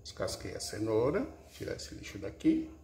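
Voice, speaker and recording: His low voice swoops wildly in pitch at a moderate pace as the channel host's husband cooks and narrates for a camera above the counter. The talk is casual and homely, rich in diminutives. It's very noisy, with heavy kitchen echo and loud dish clatter.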